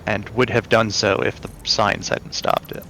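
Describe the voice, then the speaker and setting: A man's voice: lowish voice, little pitch movement, moderate pace, fairly bright tone, slight background noise, low-quality recording. A man chatting drily while playing a game with a friend, teasing and questioning him. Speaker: co-host and player. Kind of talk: casual gameplay chat.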